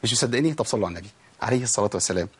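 A man with an Egyptian accent teaching Quran recitation rules, chatting quickly and asking his own questions, then reciting example words slowly. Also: fairly low pitch, animated, breathy edge. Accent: Egyptian Arabic. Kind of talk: tajweed lesson with recited examples.

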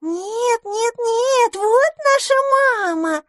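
A woman voicing a brood of newborn baby mermaids who cling and beg, in a shrill piping voice. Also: expressive, very slow, fairly bright tone, no room sound, studio quality, heavily acted. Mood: squealing, pleading. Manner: shrill high piping chorus, pleading.

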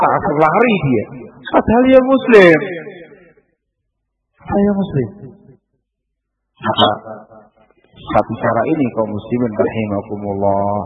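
A man preaching a sermon at a religious gathering. His voice climbs to high emphatic peaks through lists, drops low and soft, and he chants Arabic phrases slowly. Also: slightly rough. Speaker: Islamic preacher. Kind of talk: sermon lecture. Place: lecture gathering. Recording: distant, dull lo-fi mic recording.

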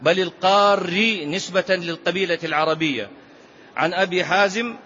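Brief: male sheikh, high bright voice, explanatory lesson delivery on a dull lo-fi recording. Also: normal speed. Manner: explanatory, asks rhetorical "ha?" of listeners. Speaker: sheikh teaching a hadith book. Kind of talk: classical religious lesson.

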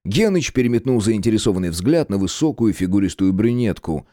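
A man narrating an audiobook in the first person, wry and expressive. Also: on the low side, moderate pace, dry recording, studio quality.

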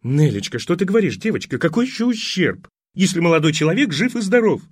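A man voicing a fussy, scatterbrained elderly mother in an audiobook, talking in a high, rambling, emphatic way. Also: sing-song, fast, breathy edge, dry recording, clean studio sound. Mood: fussing. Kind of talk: audiobook character voice.

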